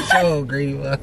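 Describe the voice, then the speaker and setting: A man's voice: fairly high pitch, creaky, slight background noise. Easygoing man co-hosting a food vlog. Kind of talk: casual food review chat.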